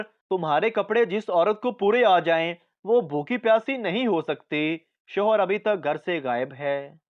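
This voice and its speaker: A man reading out a string of short jokes as the narrator, with a measured delivery of the punchlines. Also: high voice, highs cut off. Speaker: joke narrator.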